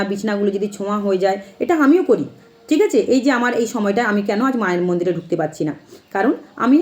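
A woman's voice: on the high side, darkish tone. A woman talking directly to viewers in an impassioned, emphatic way, often checking in with listeners as she makes her case. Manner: emphatic, keeps asking "ঠিক আছে?". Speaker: temple devotee vlogger. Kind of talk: impassioned personal talk to viewers.

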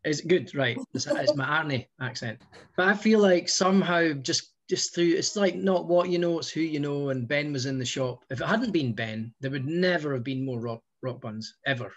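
A man's voice: fairly high pitch, moderate pace, lo-fi sound. A Scottish man, a guest musician, chatting in a rambling, self-mocking way with lots of restarts. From Scotland. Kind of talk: casual chat.

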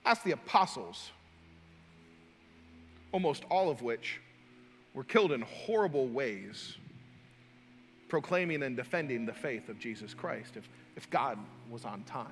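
A male pastor delivering a sermon in a dynamic style, swinging between loud and hushed, with folksy joking asides. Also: mid-range voice, sing-song, unhurried, pauses often, in a large hall, a little hiss or hum.

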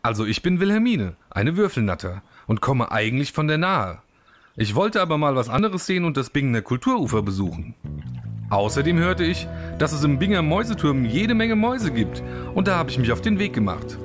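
A small young female snake, as a man voices her, with a lively, expressive voice. She chats along as if telling her story to friends. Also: a little high, brisk, music in the background. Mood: chatty.

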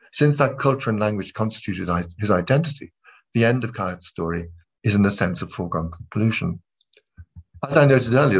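A man giving an academic literature lecture, measured in delivery, weaving read passages into his commentary. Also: on the low side, husky, poor audio. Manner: measured, reads quoted passages aloud between comments.

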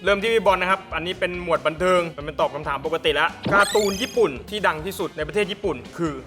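A man's voice: sits high, racing, over music. A man hosting and refereeing a quiz game, making casual but polite announcements and reading out questions. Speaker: game show host and referee.

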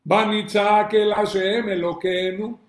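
Male rabbi, fiery question-and-answer sermon delivery, high-pitched, recorded in a reverberant room. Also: steady tone, slow. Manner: emphatic preacher, asks and answers his own questions, shouts calls to God.

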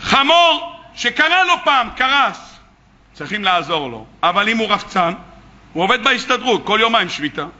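A man, a rabbi, preaching a sermon with animated storytelling and questions to his audience. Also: high-pitched. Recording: muffled lo-fi recording.

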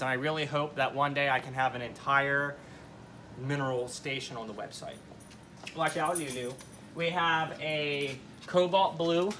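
Young guy doing a casual shop tour, kinda high bright voice, chatty with the viewers, some background noise. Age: young adult. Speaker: host giving a shop tour. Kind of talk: casual informal tour narration. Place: indoor showroom full of terrariums. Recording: clear background noise, terrarium room ambience.

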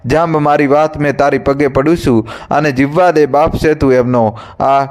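A man's voice: fairly high pitch, steady tone, moderate pace, natural voice. A man reading the part of a desperate, fierce young village mother, pleading and raging.

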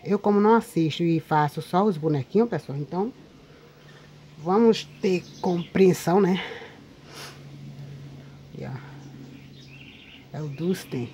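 Woman, Brazilian Portuguese accent, mellow tone, chatty show-and-tell, faint outdoor ambience. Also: fairly low pitch, moderate pace, a little hiss or hum. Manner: chatty, addresses viewers often with tag questions. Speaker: paper craft video maker. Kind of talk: casual show-and-tell vlog. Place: outdoors in a windy spot.

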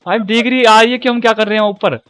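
High-voiced excitable young male streamer. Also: quick pace, smooth. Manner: excitable, shouting and repeating himself. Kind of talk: live gameplay chatter with friends.

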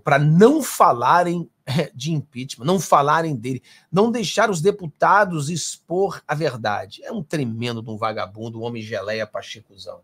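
A man's voice: medium pitch, a bit bright, breathy edge. A man hosting commentary in a casual, blunt and mocking way. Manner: blunt, mocking, name-calling.

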